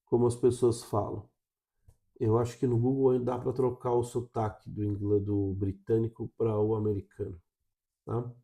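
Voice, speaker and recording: A Brazilian man with a mellow, warm voice talks straight to his viewers like a coach and keeps checking in with a quick "tá?". His pitch sits at an ordinary middle height. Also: little pitch movement. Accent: Brazilian Portuguese. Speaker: English teacher. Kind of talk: direct-to-camera lesson.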